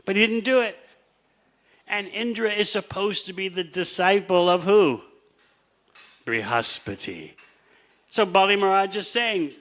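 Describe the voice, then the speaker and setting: This spiritual teacher has a high, bright, forceful voice. He leads a scripture class conversationally, posing questions to his listeners and laughing now and then.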